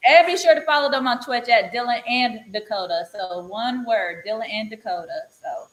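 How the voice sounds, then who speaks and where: Woman podcast host, higher voice, casual and chatty, slightly echoey room with light hiss. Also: normal speed. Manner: chatty, animated, stumbles over words.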